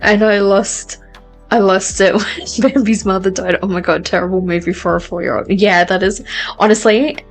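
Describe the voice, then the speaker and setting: A chatty woman hosts a live stream and talks casually with viewers, often laughing at herself as she goes. Her voice sits at an ordinary middle pitch. Faint music plays softly underneath. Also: steady tone, normal speed. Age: adult. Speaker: tarot reader and livestream host. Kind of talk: casual chat reading out viewer comments.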